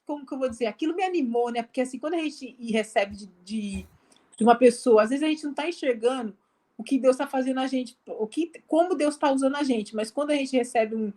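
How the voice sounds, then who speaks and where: High, fast, and mellow, the voice belongs to a missionary woman who is a guest on a live video call. With her Brazilian Portuguese accent she relates a testimony in a chatty, filler-laden way, acting out what others said.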